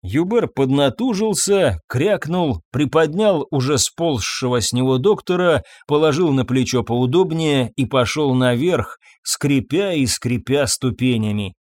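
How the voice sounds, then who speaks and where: A man narrating a story in a measured, even audiobook reading. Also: medium pitch, no echo.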